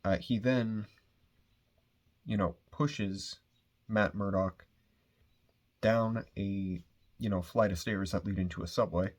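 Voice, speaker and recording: Husky low-voiced man rambling through a recap. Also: fairly even intonation, slow, pauses often. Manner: rambling, filler-heavy, swears casually. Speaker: comic book reviewer. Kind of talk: casual plot recap.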